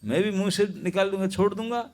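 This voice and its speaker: A hungry crocodile speaks in a calm, reasoning tone and strikes a bargain, as a male preacher voices it. The voice stays close to the preacher's own, a little high for a man. It is a storybook creature told aloud in a spiritual talk. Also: fairly quick.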